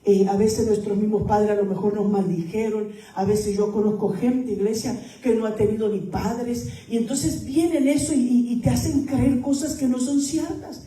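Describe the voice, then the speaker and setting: High-voiced woman pastor preaching. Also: fairly even intonation, moderate pace, few pauses, reverberant, recorded from a distance, low-quality recording. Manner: preacher addressing the church, rising to emphatic peaks and dropping to hushed asides. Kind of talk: sermon.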